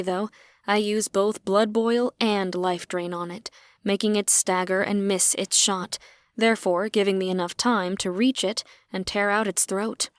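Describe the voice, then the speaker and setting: A woman's voice: mid-range voice, no echo. Sex: woman. Role: audiobook narrator. Style: first-person narration. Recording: dry.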